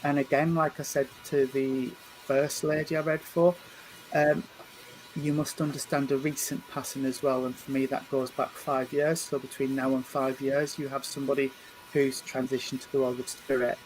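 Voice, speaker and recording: Man, 50s, medium, church spirit reading, gentle, stumbling repeats, middle pitch. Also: flat delivery, moderate pace, slight background noise, poor audio. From England. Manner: hesitant, repeats and restarts words.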